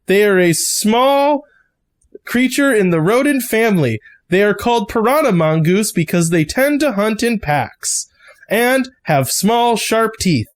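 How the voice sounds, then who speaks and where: A game master voicing a dutiful male guide robot in a tabletop game, speaking in a stiff, recited way that sits a little higher than their own voice. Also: animated, a little slow, lightly acted. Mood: formal. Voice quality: stiff, formal, recited delivery.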